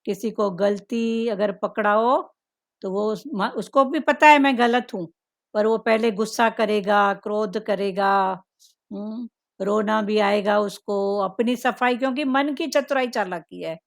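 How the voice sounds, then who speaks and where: A woman giving a devotional talk to a group as a spiritual teacher, musing slowly with frequent "hmm" fillers. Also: medium pitch, creaky.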